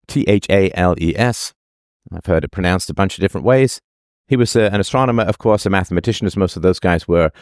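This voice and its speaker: Deep-voiced man giving an emphatic monologue. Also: a little mellow, no room sound, clean studio sound. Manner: emphatic, repeats key phrases, drawn-out words. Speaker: podcast host. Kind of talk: solo philosophical monologue.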